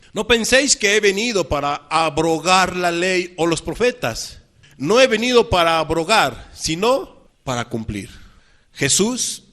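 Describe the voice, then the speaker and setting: A man's voice: high-pitched, fairly bright tone. A man preaching a sermon, asking the congregation rhetorical questions and reading scripture with emphasis. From Mexico.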